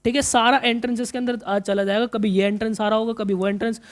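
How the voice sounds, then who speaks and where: A man's voice: sits high, steady tone, fast. A man coaching commerce students through exam planning in a casual, chatty way, often repeating himself and calling listeners brother. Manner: chatty, repeats phrases, calls listeners brother, mixes in English terms.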